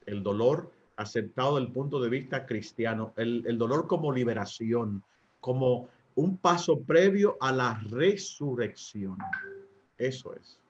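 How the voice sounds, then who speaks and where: A Dominican man, a priest, teaching couples in a talk, often pausing with fillers and asking his listeners rhetorical questions. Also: medium pitch, expressive, muffled recording. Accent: Dominican Spanish. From Dominican Republic. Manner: asks the audience rhetorical questions, hesitates with fillers.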